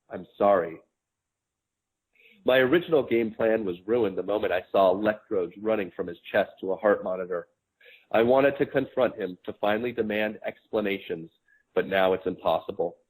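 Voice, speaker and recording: A man in his forties, an author, reading his memoir aloud in a measured, quiet, reflective way. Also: fairly low pitch, poor audio.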